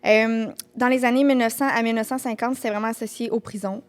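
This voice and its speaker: A woman's voice: a little high, steady tone, quick pace. A young woman with a Québécois accent hosting a casual chat, sharing statistics with playful swearing. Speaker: podcast host.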